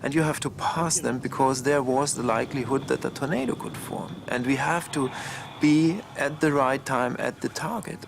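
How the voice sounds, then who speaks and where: A man who is not a native English speaker, talking casually and haltingly in an interview. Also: mid-range voice, vocal fry. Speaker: photographer and driver. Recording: loud outdoor and vehicle noise.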